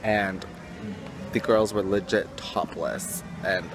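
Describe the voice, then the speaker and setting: A teenage boy talking into a handheld camera in an easy travel-vlog ramble, his voice sitting a little low. He gushes and exaggerates with dramatic slang. Loud music plays behind him. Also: fairly even intonation, slow. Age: teens. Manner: gushing, dramatic teen slang. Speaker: vlogger.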